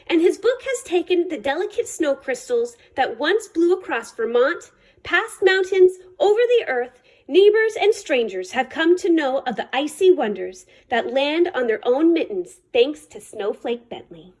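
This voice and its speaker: In a high, lively voice that swoops up and down, a woman from the library tells a children's picture book story aloud, phrasing each line in a deliberate, dramatic way for her young audience.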